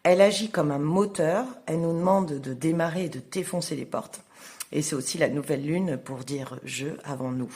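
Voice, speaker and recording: A young woman astrologer giving a casual tarot reading to viewers, halting and full of fillers. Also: sits low, a little mellow. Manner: hesitant, many fillers, slow and halting.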